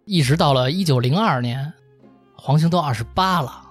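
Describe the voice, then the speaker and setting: A man's voice: on the high side, moderate pace, faint music behind. A man with a Beijing accent telling a history story in casual, colloquial style as host, acting out the characters' dialogue as he goes. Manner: acts out characters' dialogue as he narrates.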